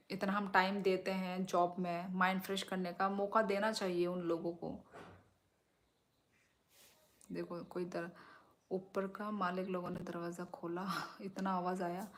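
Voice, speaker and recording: A young woman from Tripura chatting casually on a phone live stream at home at night, reading viewers' comments and talking softly so she won't disturb the neighbours. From Tripura, India. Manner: chatty, sways while talking, lowers voice to keep it down. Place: small room at home at night. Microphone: phone held or propped close.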